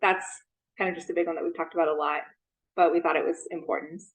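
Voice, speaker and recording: A woman reporting her group's ideas at a member meeting, halting with many fillers, talking through a mask. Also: on the low side, fairly even intonation, poor audio. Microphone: masked, in a meeting room.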